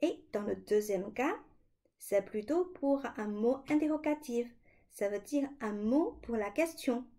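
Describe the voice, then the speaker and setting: A woman teaching children a language lesson, slowly and clearly demonstrating sounds. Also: a little high, lively intonation, dark tone.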